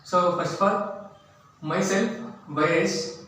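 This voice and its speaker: A man giving a college classroom lecture, deliberately repeating items for note-taking, recorded from a distance in an echoey room. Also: high-pitched, a bit bright. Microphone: distant from the speaker. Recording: echoey room, distant mic, faint noise.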